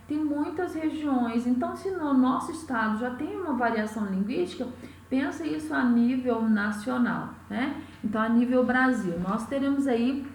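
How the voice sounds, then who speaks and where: Goiás teacher in an echoey room. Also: female voice, fairly high pitch, slight background noise. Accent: Goiás Brazilian Portuguese. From Goiás, Brazil. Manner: explains step by step, often asks "né?" and "tá?". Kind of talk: exam-prep lecture. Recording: echoey room, mic at a distance.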